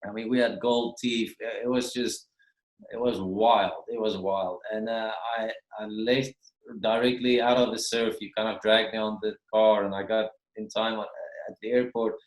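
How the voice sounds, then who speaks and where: A man's voice: fairly low pitch, fairly even intonation, moderate pace. A man teaching as a minister in a casual, rambling way that often repeats and restarts words, heard over a video call. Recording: roomy video call audio.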